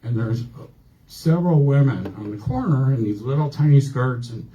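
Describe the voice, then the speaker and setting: A man's voice: medium pitch, animated, normal speed, dark tone. An older man doing a stand-up set on a comedy club stage with a handheld mic, telling rambling, self-deprecating stories. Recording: dull lo-fi club recording.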